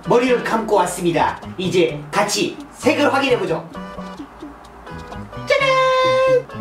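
Bubbly, lively young man vlogging. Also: very high voice. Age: 20s. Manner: goofy, bubbly, with playful sound effects and self-mocking jokes. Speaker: beauty vlogger. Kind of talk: playful hair-dye tutorial vlog. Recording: roomy echo with background music.

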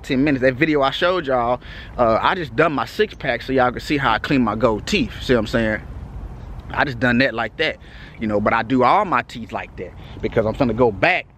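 A man's voice: mid-range voice, fairly quick, fairly bright tone, a little hiss or hum. A man from Texas with a Texas accent, talking casually to his viewers outdoors at night in a loose, laid-back way, with lots of "you know what I'm saying.". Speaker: vlogger. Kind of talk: casual vlog update.

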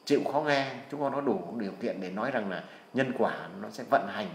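A man's voice: on the low side, a little fast, roomy sound, a little hiss or hum. Earnest man giving folksy spiritual advice. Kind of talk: casual Buddhist advice talk.

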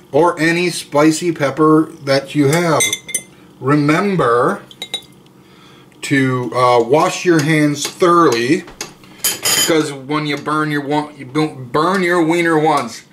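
A man's voice: fairly high pitch, noisy background. A man in his thirties hosting a casual home cooking video, talking in an easygoing, jokey way while he cooks and tastes. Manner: slow, easygoing, jokey, chews between remarks. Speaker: cooking vlog host. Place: home kitchen and dining room, indoors.

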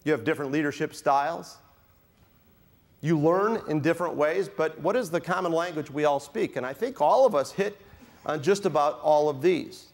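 A man with a slightly high voice gives a keynote speech to a live audience, teasing listeners and asking them to raise their hands. He is middle-aged and speaks at a conference. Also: normal speed, creaky. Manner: joking, addresses the audience with show-of-hands questions.

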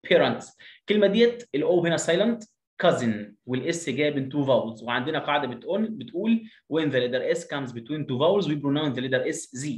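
A man with an Egyptian Arabic accent teaching an English lesson, repeating words slowly to drill their pronunciation. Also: on the high side, expressive. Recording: roomy echo.

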